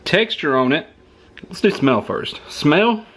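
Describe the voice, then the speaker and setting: A man's voice: medium pitch, lively intonation, normal speed, crowd noise. A man with a Southern US accent, chatting through a rambling, joking food review at home, talking into a camera mic.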